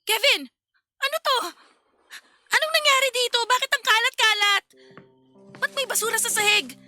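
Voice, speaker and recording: A woman's voice: very high voice, moderate pace, bright, forceful tone, soft background music, heavily acted. A woman playing a tired working wife in a radio drama, scolding in a stream of exasperated complaints. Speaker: lead character in a radio drama.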